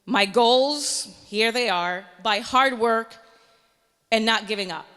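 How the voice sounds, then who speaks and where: A woman tells her own story in an earnest, motivational way. Her voice is bright and sits a little high. A long hall reverb trails behind her words. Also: takes it slowly, smooth. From Panama. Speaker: meteorologist. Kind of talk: personal story speech.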